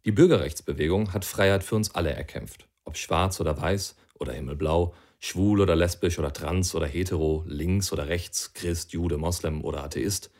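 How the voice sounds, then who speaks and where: A man's voice: low-pitched, moderate pace, few pauses, a little mellow. A man reading an argumentative passage aloud in an earnest, persuasive way. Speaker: audiobook reader.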